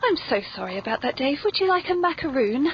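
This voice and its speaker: A British podcast host speaks quickly in a high-pitched, very animated voice, leaning into whimsical scripted hosting and genteel chat. She's playfully theatrical and exceedingly polite. Background noise fills a dull, lo-fi recording.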